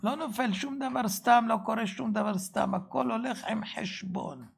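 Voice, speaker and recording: Fervent religious teacher, male, gravelly voice, keeps asking the listener questions and suddenly raises his voice. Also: extremely high pitch. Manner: fervent, rhetorical questions, sudden shouted bursts. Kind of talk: Torah sermon.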